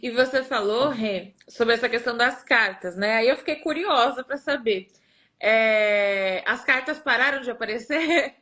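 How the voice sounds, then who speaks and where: A Brazilian woman hosting a live interview, asking curious questions softly. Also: on the high side, unhurried. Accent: Brazilian Portuguese. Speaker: host.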